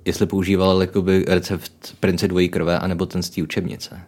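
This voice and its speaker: Young Czech man, very low voice, musing. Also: little pitch movement, darkish tone. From Czech Republic. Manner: chatty, musing, jokey asides. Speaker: podcast co-host. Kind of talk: casual book discussion.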